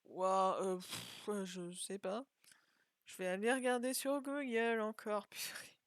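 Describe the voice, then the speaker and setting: A woman's voice: medium pitch, fairly even intonation, measured pace, dry recording. A young woman chatting casually as she plays and comments on a video game, thinking aloud and joking at herself. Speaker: gaming video creator.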